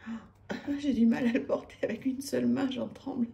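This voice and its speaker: A woman's voice: fairly high pitch, fairly even intonation, moderate pace, creaky, mellow. A woman, chatting to camera about her tarot decks, hesitant with many fillers and restarts, enthusiastic. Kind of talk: casual chat to camera. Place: home room with street noise outside.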